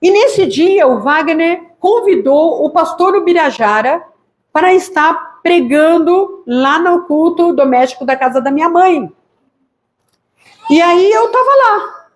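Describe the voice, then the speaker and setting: A woman missionary pastor with a Brazilian Portuguese accent, telling her church testimony in a lively way and acting out voices. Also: extremely high pitch, a little slow. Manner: lively storytelling, acts out quoted voices.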